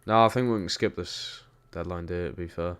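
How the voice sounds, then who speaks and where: Brisk and deep-voiced, a young Geordie man from Newcastle chats over a football game he's streaming, reading messages from chat. His tone is clean and a bit bright.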